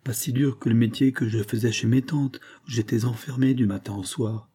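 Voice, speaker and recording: A man's voice: medium pitch, fairly even intonation, normal speed, warm tone, slightly rough, close to an everyday voice. A man voicing a proud, determined young girl in an audiobook, speaking earnestly and resolutely.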